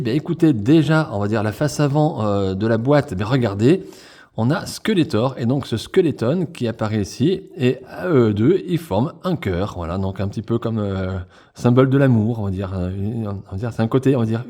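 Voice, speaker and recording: A man chatting enthusiastically through a toy unboxing review, full of fillers and quick self-corrections. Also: medium pitch, animated, dark tone. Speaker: toy collector reviewing a figure pack.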